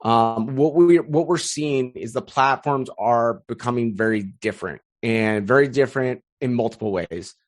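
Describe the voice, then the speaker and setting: A man in his thirties, a podcast guest, chatting casually and telling lively stories with frequent restarts. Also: mid-range voice, normal speed, hardly any pauses, dry recording. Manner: storytelling, energetic, frequent restarts. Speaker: podcast guest, content strategist. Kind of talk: casual interview chat.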